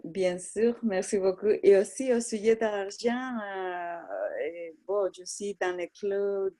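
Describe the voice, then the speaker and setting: A woman's voice: mid-range voice, animated, slow, warm tone. A woman from Latin America speaking French as a foreign language with a Latin American accent, searching for her words as she talks in a group call. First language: not French, foreign speaker. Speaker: workshop participant. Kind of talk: hesitant spoken introduction and question.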